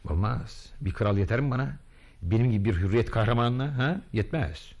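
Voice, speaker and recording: A man's voice: medium pitch, animated, a little fast, darkish tone, highs cut off, close to an everyday voice. A man acting a vain, boastful would-be freedom hero in a radio drama, telling his deeds grandly and muttering to himself. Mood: musing. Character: boastful self-styled male freedom hero, pompous, vain.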